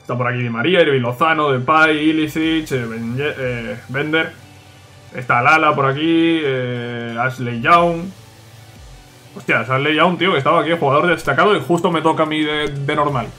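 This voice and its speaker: A young man, excitably commentating his own gameplay and talking to viewers. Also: a little high, moderate pace, soft background music. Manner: excitable, talks to viewers, frequent "tío". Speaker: gaming youtuber.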